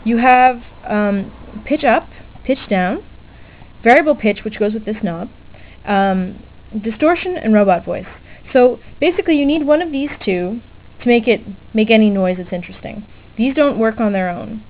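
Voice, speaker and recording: With a higher voice, lively intonation and normal pace, a woman casually walks through a DIY electronics demo without a script. She's talkative, hesitant and keeps self-correcting. Expect tinny, lo-fi webcam-era sound and background noise.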